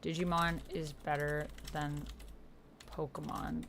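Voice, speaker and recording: Over keyboard typing, a woman running a live tabletop roleplay stream talks casually, reads typed posts aloud, and mutters to herself as she types. Her voice is deep and slow with little pitch movement, and there's background noise.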